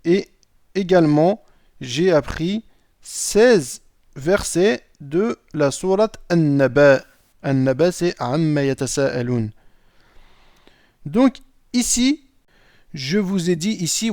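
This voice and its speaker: Male teacher, slightly high voice, dry close mic, patient lesson delivery. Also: darkish tone, no room sound. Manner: checks in with "d'accord?" often. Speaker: Arabic teacher. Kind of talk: explaining a lesson.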